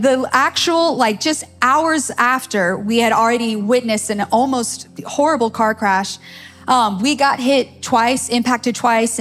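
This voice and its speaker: A young adult woman giving a personal testimony in church, telling her story in an animated way with many restarts. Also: high-pitched.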